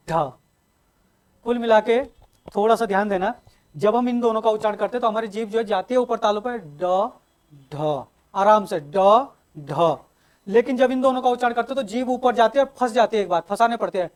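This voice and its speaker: A man teaching a Hindi grammar lesson at a coaching class, asking the class questions, answering them himself and repeating sounds slowly for emphasis. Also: very high voice. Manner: drawn-out emphatic repetition of sounds.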